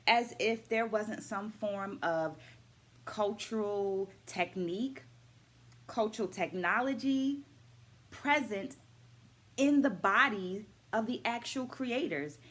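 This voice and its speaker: This measured vlog features a middle-aged dance educator with a mid-range voice discussing lessons from a book. She organizes her thoughts into lists, questions her audience, and encourages them to leave comments.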